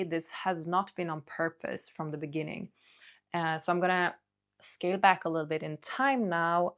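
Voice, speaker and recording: A woman talking casually and candidly to her audience in a hesitant, rambling, confiding monologue, as a video creator. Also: sits low.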